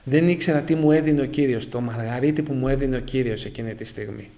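This Greek man's voice sits in the middle range, gravelly yet mellow. Speaking as a church member before a congregation, he tells how he was converted, repeatedly saying "brothers," his story fragmentary and emotional, each phrase sinking as it ends.

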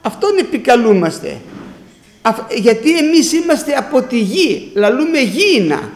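A man's voice: very high-pitched, big pitch swings. A man preaching a sermon to his congregation, emphatic and repeating his phrases, quoting scripture as he goes. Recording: roomy echo.

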